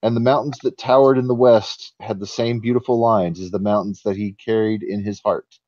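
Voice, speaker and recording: Ancient forest giant, voiced by a man, solemn slow storytelling, low pitch, tabletop game, dull dry recording. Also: fairly even intonation, darkish tone, no echo, close to an everyday voice. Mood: solemn, wistful.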